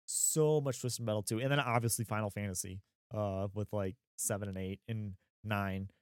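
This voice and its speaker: A man's voice: fairly low pitch, steady tone, moderate pace, clear, resonant tone, no echo, studio quality. A man in his thirties co-hosting a gaming podcast, chatting casually with rambling asides, fillers and laughs. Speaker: podcast co-host. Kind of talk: casual chat.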